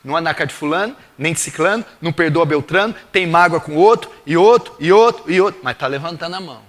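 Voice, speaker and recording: A man preaching a sermon, asking the congregation rhetorical questions and swinging between loud declarations and hushed lines. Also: a little high, quick pace. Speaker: pastor.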